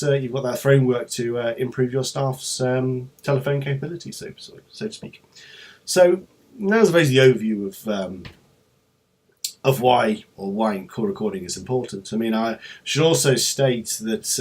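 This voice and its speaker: Speaking in a mid-range voice, a man presents a company explainer vlog that is informal and unscripted. His talk is hesitant and rambling, full of trailing asides.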